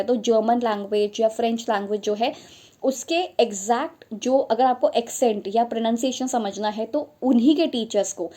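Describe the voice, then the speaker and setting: A woman's voice: fairly high pitch, dark tone. A young adult woman tutoring for teaching exams, explaining step by step in a spoken lesson, often repeating her points and slipping in English phrases.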